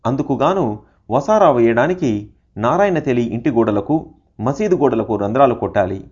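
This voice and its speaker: A male storyteller recounts a devotional tale at a steady, measured pace. His voice sits in a middle pitch. The recording is dull and lo-fi. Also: slightly rough.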